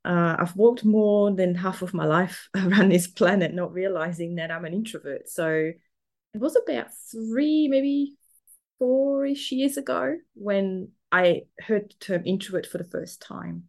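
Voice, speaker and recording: A woman's voice: medium pitch, measured pace, gravelly, a little mellow. Cheerful Swiss German-accented woman guest. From Switzerland. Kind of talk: podcast interview.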